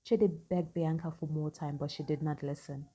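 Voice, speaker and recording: Low-pitched woman narrating a story. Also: steady tone, brisk, mellow.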